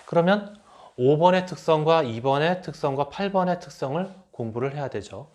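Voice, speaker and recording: A middle-aged man giving a lecture, talking lively and acting out the remarks he quotes. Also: a little high, normal speed. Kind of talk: enneagram lecture.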